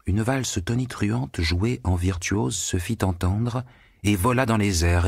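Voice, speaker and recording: A man narrating a novel as an audiobook, reading in measured, even phrases. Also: lowish voice, dry recording, studio quality.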